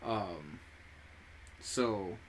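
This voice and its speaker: A young man from the United States whose first language is Spanish co-hosts a podcast, chatting casually and rambling through stories while often correcting himself. His voice is low with drawn-out words, on a rough recording with slight background noise.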